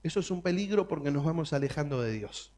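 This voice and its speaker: A man's voice: a little high, animated, fast, warm tone. A man preaching a sermon as pastor, emphatic and full of rhetorical questions.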